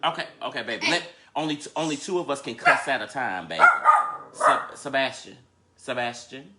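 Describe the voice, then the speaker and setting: A man's voice: mid-range voice, animated, fairly quick, very noisy. A man in his thirties hosting a live podcast, ranting heatedly with lots of profanity and laughter. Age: 30s. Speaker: podcast host.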